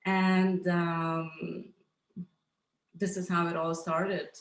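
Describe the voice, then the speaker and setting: Slow-speaking Lithuanian woman in an echoey room. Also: fairly low pitch, flat delivery, slight background noise. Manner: hesitant, many fillers and restarts, soft laughs. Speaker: interview guest. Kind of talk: casual interview.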